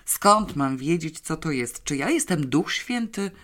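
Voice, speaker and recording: An audiobook reader voicing a skeptical, excitable young boy who grumbles and exclaims. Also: mid-range voice, unhurried. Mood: amazed. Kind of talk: audiobook character voice.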